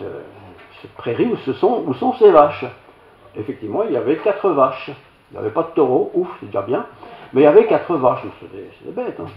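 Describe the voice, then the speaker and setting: Older man, Belgian French accent, pastor, lively storytelling voice, roomy slightly dull church sound. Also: medium pitch, slight background noise. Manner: homely anecdotal telling, self-mocking, many asides. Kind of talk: storytelling sermon. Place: church hall.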